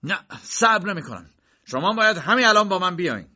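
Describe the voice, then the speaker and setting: A man's voice: medium pitch, sing-song, creaky, a bit bright, exaggerated voice. A man reading an audiobook and voicing an uneasy, irritable accused man who talks in a curt, demanding way. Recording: dull lo-fi recording.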